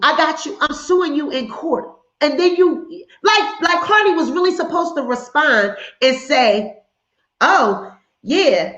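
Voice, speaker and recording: A high-voiced woman from hosts a casual gossip livestream, sassy and animated. The sound is dull and lo-fi, and it echoes around the room. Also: takes it slowly. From Philadelphia, USA. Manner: sassy, animated, laughing asides.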